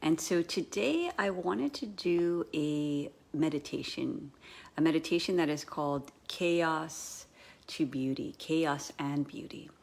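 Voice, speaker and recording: A middle-aged woman, a yoga coach, leading a guided meditation in a gentle, hesitant way with many pauses. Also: sits low, gravelly.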